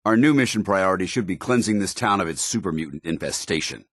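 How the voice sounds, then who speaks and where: An actor playing a stern, dutiful military paladin in a post-apocalyptic video game, speaking formally with clipped authority. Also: male voice, deep voice, lively intonation, fast talker, dry recording, clean studio sound. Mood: vigilant, matter-of-fact. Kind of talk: video game companion dialogue.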